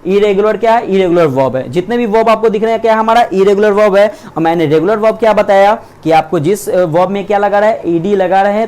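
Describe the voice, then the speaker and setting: A young man with a high-pitched voice leads an online grammar lesson. He reads verb forms aloud in lists, repeating words, correcting his own slips and checking in with his listeners. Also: darkish tone. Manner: keeps checking in with "theek hai". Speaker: English grammar teacher.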